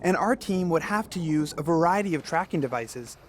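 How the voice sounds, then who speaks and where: A man's voice: fairly high pitch, expressive, a little fast, slight background noise. A young man presenting and narrating a nature documentary in a scripted style. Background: music bed under the voice.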